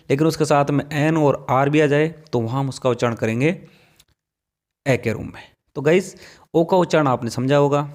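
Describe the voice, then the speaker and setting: A man's voice: mid-range voice, darkish tone. A man teaching English pronunciation rules, patiently spelling out words letter by letter and repeating each rule.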